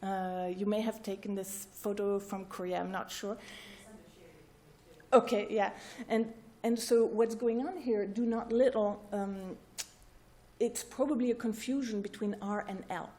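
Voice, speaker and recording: A woman's voice: mid-range voice, fairly even intonation, measured pace, a little mellow. A woman researcher giving an academic talk to a room of listeners. She explains step by step and keeps checking in with "right?" and "okay?". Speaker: researcher presenting at a workshop. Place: lecture room with an audience.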